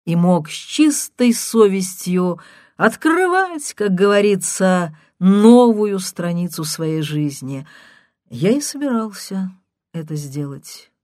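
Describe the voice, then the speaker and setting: Woman audiobook narrator, slow and measured, lowish voice, dry close recording. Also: dry recording. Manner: measured, calm first-person storytelling.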